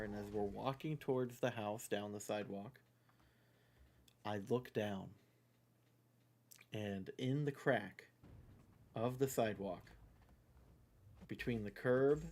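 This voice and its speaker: A middle-aged man with a fairly low voice chats into his headset while he plays a game live. He rambles through a story in a loose, friendly way and keeps checking in with "right?" and "you know?". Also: a little mellow, a little hiss or hum. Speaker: gaming livestreamer.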